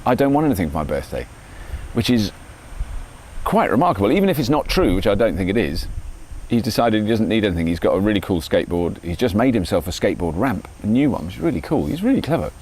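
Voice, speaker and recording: Chatty middle-aged man, lively. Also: lowish voice, quick pace, a little hiss or hum, rough recording. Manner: chatty, self-mocking, animated. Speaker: vlogger. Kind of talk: casual rambling monologue. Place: garden, outdoors.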